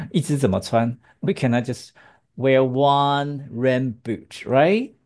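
Gravelly, lively teacher drilling English words. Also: female voice, extremely low pitch, slow pace. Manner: patient, drills words, asks rhetorical checks. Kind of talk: bilingual English pronunciation lesson.

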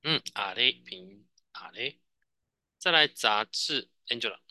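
Bright-voiced Taiwanese man teaching Japanese. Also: medium pitch, expressive, slow, dry recording. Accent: Taiwanese Mandarin. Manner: patient, repeats answers, frequent "哦" tags. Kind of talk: classroom teaching with student drills.

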